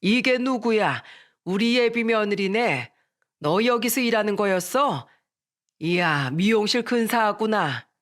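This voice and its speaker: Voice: medium pitch, lively intonation, a little slow, fairly bright tone, pitched above the performer's own voice. A narrator doing an indignant middle-aged dad. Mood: cheerful. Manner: indignant, raised voice. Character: angry middle-aged father, a plumber.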